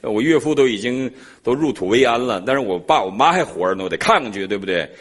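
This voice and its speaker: A middle-aged man preaching and telling a personal story in an animated way, laughing often. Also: mid-range voice, fast talker. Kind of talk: sermon testimony storytelling.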